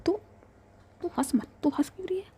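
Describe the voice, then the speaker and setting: A woman's voice: extremely high pitch, moderate pace, mellow, a little hiss or hum, voice pushed up. A woman voicing a bossy, possessive young woman in love in a whispered role-play. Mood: scolding.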